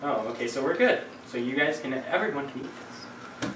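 A young man chats and jokes at himself while cooking at home. He sounds excitable and self-mocking. He is recorded from a camera across an echoey room, with noise behind him. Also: medium pitch, brisk. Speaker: host cooking. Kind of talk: casual joking chat. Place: home kitchen. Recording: echoey kitchen, distant camera, noisy.

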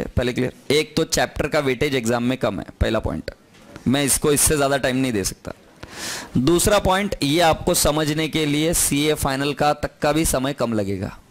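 A man teaching accounting to a class, firm and teasing, switching between Hindi and English. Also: medium pitch. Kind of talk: recorded classroom lecture.

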